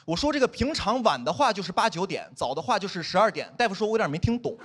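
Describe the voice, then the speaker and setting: Young male stand-up comedian, high voice, quick delivery, loud noise behind. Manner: animated, quick-talking, acts out quoted dialogue. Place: comedy stage before a live audience.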